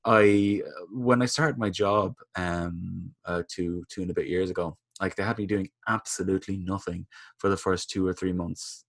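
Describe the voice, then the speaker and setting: A man's voice: sits low, fairly even intonation, normal speed, no room sound, clean studio sound. A man co-hosting a podcast, chatting casually and rambling with opinions and fillers. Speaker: podcast co-host. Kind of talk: casual chat.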